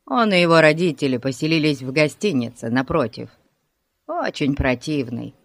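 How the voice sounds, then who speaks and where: A reader voicing a boy named Pip who confides things in a hushed way. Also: mid-range voice, expressive, moderate pace, no room sound, voice pushed down. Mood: confiding. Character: gossipy knowing boy Pip. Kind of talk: audiobook character voice.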